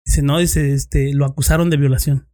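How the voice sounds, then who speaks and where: A man's voice: mid-range voice, fairly even intonation, moderate pace, mellow. A man with a Mexican accent, a former police investigator, telling a story to friends in casual chat, swearing freely and acting out both sides of the dialogue.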